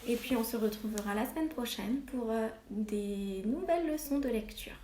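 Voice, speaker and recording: A woman teaching a reading lesson and dictation to young children, articulating each word slowly and with stress. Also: a little high, roomy sound, noisy background. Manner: slow, carefully articulated, stresses each syllable. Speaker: primary school teacher.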